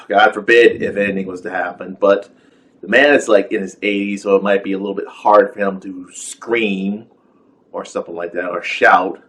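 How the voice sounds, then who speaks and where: A man's voice: low voice, fairly even intonation, normal speed, fairly bright tone, poor audio. A man giving a rambling, casual rant as a film reviewer, full of fillers and exasperated rhetorical questions.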